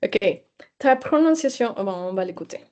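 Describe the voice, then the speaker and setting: A woman teacher walks listeners through a webinar presentation, explaining hesitantly with fillers and restarts. Her voice is mellow and sits slightly high. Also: expressive, normal speed, dull audio.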